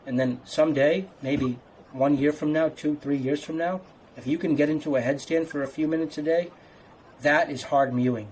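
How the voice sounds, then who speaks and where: Higher-pitched man giving casual instructions. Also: fairly even intonation, moderate pace, darkish tone, a little hiss or hum, rough recording. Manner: step-by-step instructing.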